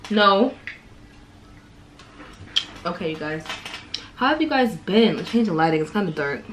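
A woman's voice: lowish voice, animated, a little slow, a little hiss or hum, rough recording. A young woman vlogger chatting casually as she eats dinner on camera in her home kitchen, recorded by a camera close in front of her. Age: young adult. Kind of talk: casual chat while eating. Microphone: camera on table at close range.

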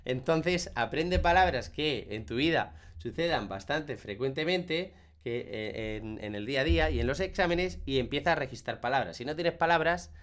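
Lively man teaching English. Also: medium pitch, normal speed, few pauses. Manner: lively, demonstrative, repeats words for emphasis. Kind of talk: online class explanation.

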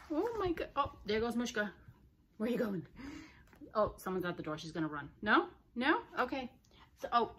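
A woman chatting casually as she unboxes parcels at home, gushing and excited, often talking to her dogs. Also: medium pitch, slight background noise. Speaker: vlogger. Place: home, indoors.

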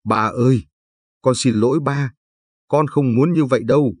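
A man's voice: on the low side, animated, normal speed, a little mellow, slightly rough, no room sound. A man reading the lines of a frightened, tearful young pregnant woman in a spoken story. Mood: pleading. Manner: pleading.

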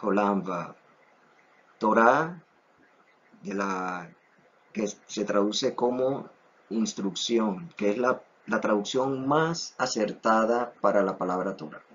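A low-voiced man teaches a class at an unhurried, careful pace, repeating each word three times for his students. His voice is a little husky, and the recording sounds dull and lo-fi. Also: a bit bright. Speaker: Hebrew teacher. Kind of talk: online class lesson.

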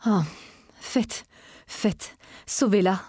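A woman's voice: mid-range voice, very slow, mellow, no echo, clean studio sound, voice pushed up. A woman doing a frantic, pleading husband. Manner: pleading, panicked outcries. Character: frantic grieving husband, a country doctor.

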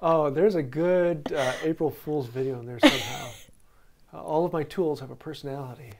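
A man hosting a casual interview, easygoing and quick to laugh. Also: a little high. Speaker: host.

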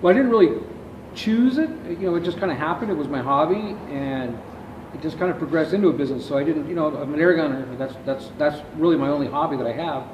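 A man's voice: on the high side, quick pace. A middle-aged man, a company founder, answers interview questions at length in a large warehouse, filmed by a distant camera. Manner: explains at length, gesturing with his hands. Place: large warehouse with shelving, indoors. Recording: echoey warehouse, distant dull audio with background noise.

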